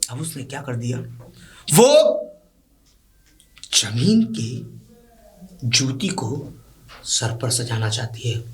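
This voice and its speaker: Man playing a stern landowner father, proud, contemptuous, slow weighty warnings, mid pitch. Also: very animated. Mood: angry. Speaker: actor. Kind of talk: low-budget film drama acting.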